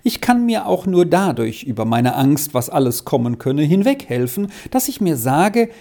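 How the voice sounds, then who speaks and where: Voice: medium pitch, very animated, normal speed, dark tone. A reader voicing an anxious, sighing mother in a storybook reading. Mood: worried. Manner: sighing, fretful. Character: worried mother, gentle and anxious.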